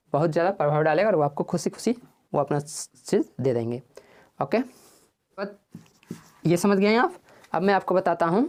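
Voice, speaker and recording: Male English teacher, mellow voice, drills phrases slowly and quizzes the class, answering his own questions. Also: a little high. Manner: asks the class questions and answers them himself. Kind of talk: spoken English lesson in Hindi.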